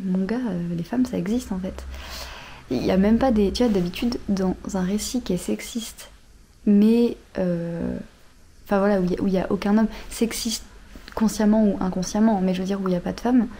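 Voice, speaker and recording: A young woman in her twenties chatting casually about books in a vlog, with many fillers and soft, half-whispered asides. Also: mid-range voice, a little hiss or hum. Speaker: vlogger. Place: outdoors near road traffic.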